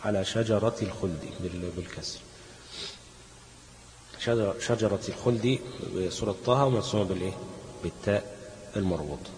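A low-pitched man with an Egyptian accent explains a recitation lesson in a patient, step-by-step way, putting questions and then answering them himself. His voice carries a long echo from a large hall. There is a faint hum of ambience behind him. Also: brisk, long pauses, darkish tone. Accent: Egyptian Arabic. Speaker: Quran recitation teacher.

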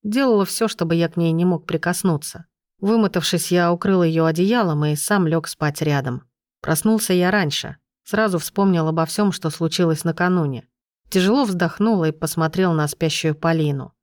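A woman narrating a novel in the first person, in a steady, even storytelling manner. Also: on the low side, normal speed, dry recording, clean studio sound. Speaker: audiobook narrator.

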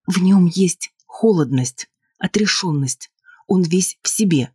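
A man's voice: high-pitched, lively intonation, slow, slightly rough, no room sound, clean studio sound, voice pushed up, exaggerated voice. A man reading an audiobook, voicing a worried, insistent wife who argues with her husband. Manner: pleading, sharp and defensive. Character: anxious, insistent wife, adult woman.

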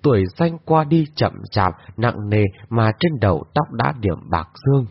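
A man's voice: medium pitch, very animated, a little slow. A man reading a storybook voices a middle-aged noble lady who laments her long suffering. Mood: lamenting. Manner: lamenting, mournful. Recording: dull lo-fi recording.

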